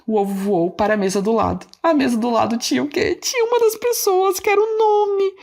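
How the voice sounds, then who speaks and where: A woman recounts an embarrassing episode straight to her viewers. She tells it in an animated, self-mocking way. She stops often to talk to the audience directly. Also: high-pitched, a little fast. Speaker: vlogger telling a personal story. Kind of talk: casual storytelling to viewers.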